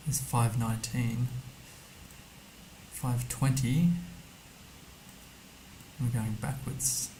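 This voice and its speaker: A man's voice: medium pitch, fairly even intonation, very slow, long pauses, warm tone, slight background noise, low-quality recording. A man streaming a map game, thinking aloud casually as he mutters guesses and reads numbers to himself. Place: indoor streaming setup.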